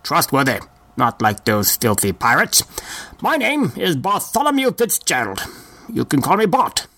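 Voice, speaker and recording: A folksy old man who talks in an unhurried drawl, voiced by a male storyteller. He is chatty and nosy, and his pitch sits well above the narrator's own while swinging up and down as he talks. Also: wildly swooping pitch, pushed and bright, full character voice. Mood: jovial. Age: older. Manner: slow, drawling, folksy old-timer speech.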